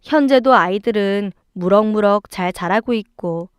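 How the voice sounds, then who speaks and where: A woman narrating a dramatic story in a steady, storytelling manner. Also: mid-range voice, normal speed, clean tone, no echo, clean studio sound.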